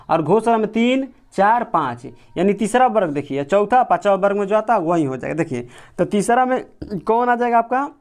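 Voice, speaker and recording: A man teaching a grammar lesson, going through exam questions one by one, repeating each answer back as a question. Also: sits high. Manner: repetitive, drills answers with rhetorical questions; colloquial with regional words like gō.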